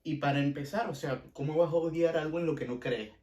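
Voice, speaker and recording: A man's voice: on the high side, fairly quick, darkish tone, reverberant, recorded from a distance. A man with a Venezuelan accent hosting a casual podcast, giving blunt opinions and repeating himself for emphasis. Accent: Venezuelan Spanish. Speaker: podcast host.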